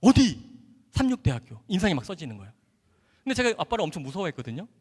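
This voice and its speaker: Lively high-voiced man telling his testimony. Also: racing, husky. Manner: animated storyteller, acts out dialogue, laughs often. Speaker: doctor giving a testimony. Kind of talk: church testimony talk. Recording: echoey hall.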